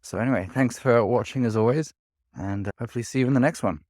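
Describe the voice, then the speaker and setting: This vlogger speaks fast in a darkish, medium-pitched voice as he strolls through a city park. His talk to camera rambles, qualified often with "sort of" and "kind of," and the audio is clean studio sound without echo.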